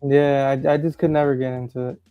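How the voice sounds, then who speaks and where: A man's voice: mid-range voice, little pitch movement, brisk, over loud music. A man co-hosting a wrestling watch-along, chatting casually with slang over a video call. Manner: loose, laid-back reacting with slang. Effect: heard over a video call. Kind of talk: casual chat. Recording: dull, lo-fi video call audio.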